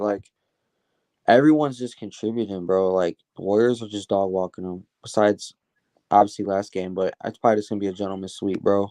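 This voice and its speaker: Slangy young man, dark dry voice. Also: lowish voice, no echo. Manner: slangy, laid-back, says "bro" a lot. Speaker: podcast guest. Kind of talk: casual sports chat.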